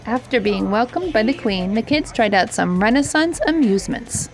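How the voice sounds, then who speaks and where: A woman's voice: a little high, animated, moderate pace. A woman giving light scripted narration for a family vlog. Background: music.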